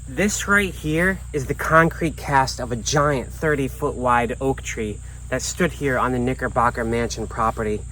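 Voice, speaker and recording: A man's voice: medium pitch, measured pace, few pauses, bright, forceful tone, a little hiss or hum, low-quality recording. A man vlogging outdoors at historic sites, explaining history in an earnest, informal way. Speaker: travel vlogger.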